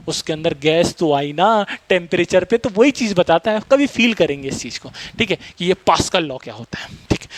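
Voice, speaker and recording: Fast-talking physics teacher, dry sound. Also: male voice, sits high, a bit bright, no room sound. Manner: fast-talking, quizzes students, mixes Hindi and English terms. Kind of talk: classroom lecture.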